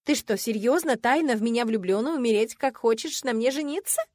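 A woman's voice: fairly high pitch, a little fast, a little mellow, voice pushed up, close to an everyday voice. A woman voicing a feisty sarcastic young heroine. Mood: indignant. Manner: sarcastic, indignant, mock-sweet.

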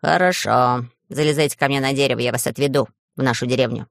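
A grumpy little bearded forest gnome growls out his scolding in a very low, gravelly voice, as a woman puts him on. He sounds suspicious and cross, muttering his complaints. The storybook recording is close and dry. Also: steady tone, fast talker, dry recording. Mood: softened. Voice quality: low gruff grumbling.

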